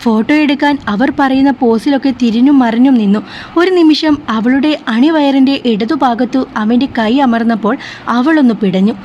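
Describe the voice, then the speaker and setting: Lady reading a story out, mellow and soft, bit muffled with faint hiss. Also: sits high, moderate pace. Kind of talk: scripted story narration.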